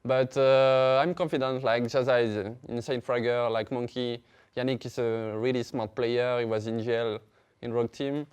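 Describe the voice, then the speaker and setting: A man with a French accent, a guest being interviewed about his esports team, answering in halting English with many fillers and restarts. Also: mid-range voice, steady tone, a little mellow, clean tone. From France.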